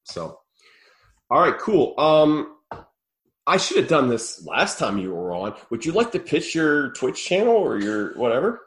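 Male podcast host, mid-pitched, loose and rambling, quick to laugh. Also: big pitch swings. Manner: rambling, laughs often, swears casually. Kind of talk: casual chat.

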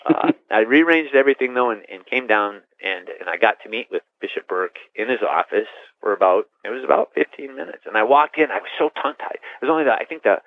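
A middle-aged man, a priest, telling his story in an interview, rambling and animated, restarting sentences and laughing. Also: mid-range voice, quick pace, gravelly, hardly any pauses, no room sound. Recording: tinny phone-line sound.

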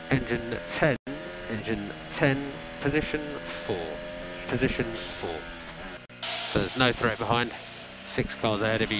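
A man's voice: medium pitch, rough recording. A man working as a race engineer, giving terse, clipped instructions over team radio and repeating short calls to his driver.

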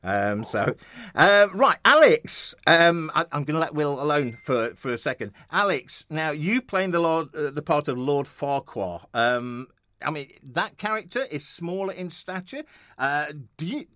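With a high, sing-song, bright and forceful voice, a man hosts a radio interview at an unhurried pace, recorded at studio quality without room sound. Jovial and chuckling often, he keeps it casual in the radio studio, rambling with frequent fillers and restarts.

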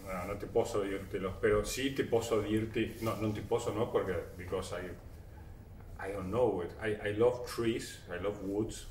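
Low-voiced man, Argentine Spanish accent, native Spanish speaker, halting mixed-language interview talk, slow pace, roomy sound. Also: fairly even intonation, darkish tone. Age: 40s. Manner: halting, searching for words, switching between languages. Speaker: interview guest, perfumer. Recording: roomy echo, distant mic, faint noise.

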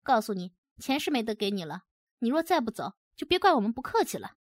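A woman's voice: on the high side, big pitch swings, fast talker, no room sound, clean studio sound. A woman voicing a crude, lecherous man who gloats and swears, read in a storytelling style. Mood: threatening.

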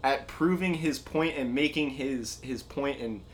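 A man's voice: mid-range voice, unhurried. A man co-hosting a casual pop-culture podcast, retelling scenes with lots of fillers and restarts. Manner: rambling, filler-heavy, animated retelling. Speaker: podcast co-host. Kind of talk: casual chat.

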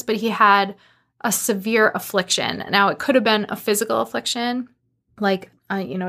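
A woman in her thirties hosting a solo podcast, talking earnestly and growing animated as she retells her own story. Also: fairly high pitch. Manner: earnest, animated when retelling, faith-driven encouragement. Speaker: podcast host.

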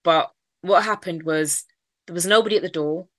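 In an interview, a woman from Manchester, England, candidly shares her personal life story in a Mancunian accent, repeating phrases often and laughing at times. Her pitch is fairly low, her pace moderate and her tone a bit bright. The recording is dry with clean studio sound.

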